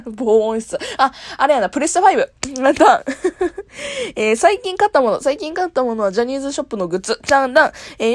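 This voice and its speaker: Woman, Kansai accent, young adult, frank and brisk, lively pitch, dry close sound. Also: no echo. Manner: brisk, frank, laughs often. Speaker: radio talk host. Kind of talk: solo self-introduction talk.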